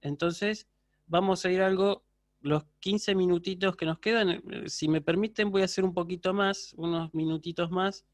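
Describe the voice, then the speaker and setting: A man's voice: high-pitched, fairly even intonation, moderate pace, no room sound. A man teaching a university Greek class over a video call, patiently checking in with his students. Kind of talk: online lecture.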